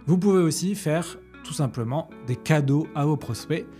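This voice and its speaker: A man who hosts a sales podcast gives an informal talk in a conversational way, often pausing on hesitations. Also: on the high side, mellow, faint music behind.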